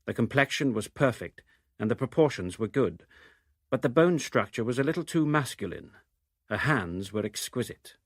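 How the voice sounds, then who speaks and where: A man at an ordinary male pitch reads extracts from a novel, delivering the scripted prose in an animated way at a moderate pace. The recording is dry and close, with no room sound.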